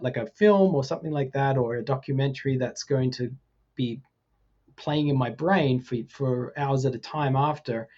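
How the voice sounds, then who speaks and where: Podcast guest, man, 40, from Australia; average pitch, slightly muffled recording, measured and hesitant. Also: darkish tone. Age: 40s. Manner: thoughtful, hesitant with ums and restarts. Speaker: guest, VFX artist. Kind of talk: casual podcast conversation.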